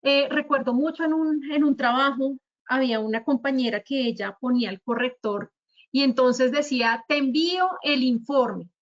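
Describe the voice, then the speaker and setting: A Colombian woman with a high voice teaches spelling rules in an online talk. She works through her examples one by one in a patient, didactic way. The audio sounds somewhat dull, like a web meeting. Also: normal speed. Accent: Colombian Spanish. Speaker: speaker at a virtual talk on writing. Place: virtual conference.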